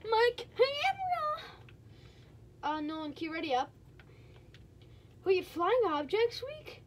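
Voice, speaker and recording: High-pitched girl gamer streaming, super chatty and excitable, lots of little exclamations. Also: unhurried, a little hiss or hum. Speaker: gaming streamer. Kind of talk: casual gameplay commentary.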